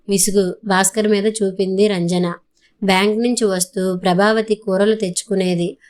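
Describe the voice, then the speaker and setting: Smooth, level-voiced woman reading a story. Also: medium pitch. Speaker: audiobook narrator. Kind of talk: scripted story narration.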